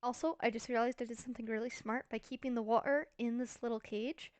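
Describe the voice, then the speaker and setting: Woman, gameplay commentary, chatty, self-mocking, higher-pitched, dry close sound. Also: fairly even intonation, quick pace, a little mellow, no room sound. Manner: chatty, thinking aloud, playfully self-mocking. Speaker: Minecraft let's-play host.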